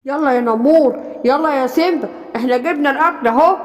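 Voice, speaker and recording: A woman's voice: sits high, quick pace, in a large hall, heavy background noise, natural voice. A woman voicing a protective lion father. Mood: fatherly. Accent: Egyptian Arabic. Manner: reassuring, fatherly. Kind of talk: bedtime storybook voice acting.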